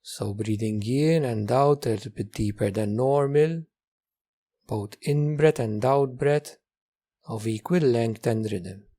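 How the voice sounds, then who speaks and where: In a medium-pitched voice, a man teaches a guided meditation, offering gentle, calm instructions at a measured pace. He repeats certain phrases and pauses at length.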